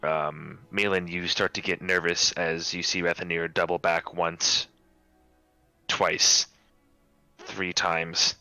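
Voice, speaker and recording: Deep, bright-voiced male game master. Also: little pitch movement, slow, dry recording, faint music behind, rough recording. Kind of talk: improvised tabletop game narration.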